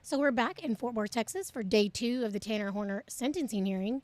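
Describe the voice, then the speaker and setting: A woman's voice: on the high side, fairly quick, a little mellow, dry recording. A woman hosting an online trial channel, giving a scripted introduction to the broadcast.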